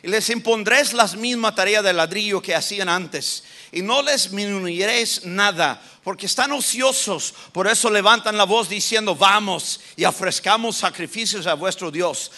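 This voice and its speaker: A high-pitched, bright male preacher. He moves between Spanish and English mid-sentence, lecturing young listeners and building to loud, forceful shouts. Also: normal speed, hardly any pauses. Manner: switches between Spanish and English, shouts for emphasis, mimics voices. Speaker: pastor. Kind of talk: sermon.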